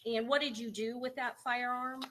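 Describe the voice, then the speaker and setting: A woman prosecutor questioning a witness in a courtroom recording, formal and measured with the odd um. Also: on the high side, fairly even intonation, a bit bright. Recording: courtroom recording with faint room noise.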